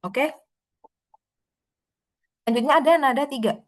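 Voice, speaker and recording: A Mandarin tutor with a slightly high voice teaches a class over video call, explaining patiently. She slows down to model each tone and stretches the syllables out for her students.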